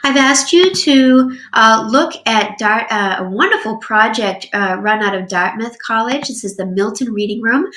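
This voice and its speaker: A woman teaching a literature class, with a fairly high voice and warm enthusiasm for the poems. She explains step by step, often pausing with um and uh. The room sounds echoey around her. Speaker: literature professor. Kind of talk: recorded online lecture.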